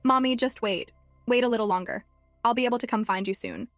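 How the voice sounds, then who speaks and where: A woman's voice: fairly high pitch, brisk, a bit bright, no room sound, faint music behind, close to an everyday voice. A woman voicing a cold, calculating five-year-old boy who talks with cool, clipped mockery. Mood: sweet.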